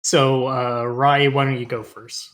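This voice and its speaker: A man's voice: mid-range voice, little pitch movement, a little slow, a bit bright, slight background noise. A man with a mid-range voice moderates an online debate. His hosting is casual and loosely organised, more like chatting with friends than formal presenting.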